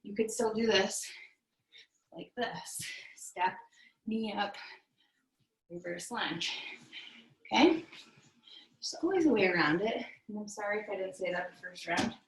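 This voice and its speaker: A female fitness instructor leads a virtual workout from a small room, counting down reps and cueing form as she exercises along. She speaks at a medium pitch with lively intonation, unhurried and pausing often. The mic is distant, giving a roomy echo and faint noise.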